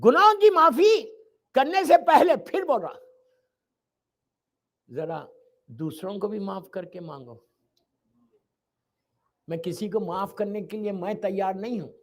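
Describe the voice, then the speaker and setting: A male preacher delivering a heartfelt sermon with a very lively, wide-ranging voice. He drops to soft, quiet narration and then climbs into loud, urgent pleading, often slipping English words into his speech. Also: high-pitched. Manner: swings between hushed storytelling and loud impassioned appeals, mixing in English words. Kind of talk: emotional sermon.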